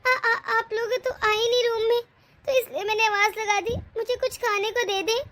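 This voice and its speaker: A woman's voice: very high-pitched, flat delivery, moderate pace, fairly bright tone. A woman voicing a young pregnant daughter-in-law who pleads tearfully in a cartoon story. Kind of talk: cartoon voice acting.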